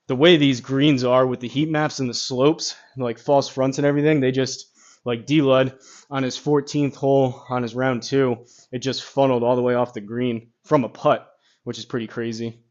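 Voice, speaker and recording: A man giving casual golf simulator commentary, rambling as he thinks out loud. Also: mid-range voice, fairly even intonation, moderate pace, highs cut off.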